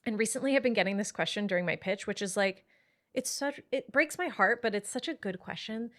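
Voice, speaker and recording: A woman working as a money coach talks animatedly in a casual podcast conversation, acting out her clients' voices and swearing casually. Her voice is medium-pitched and fairly quick.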